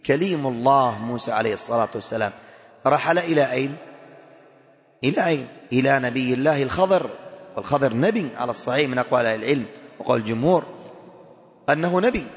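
A male preacher giving an animated religious lesson, demonstrating with gestures and exhorting his listeners. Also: medium pitch. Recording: long hall reverb.

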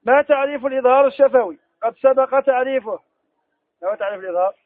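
A man teaching Quran recitation rules in a classroom lesson, quizzing students and then answering his own questions, slowing down to recite verse examples. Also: very high voice, dry recording. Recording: tinny phone-like lo-fi recording.

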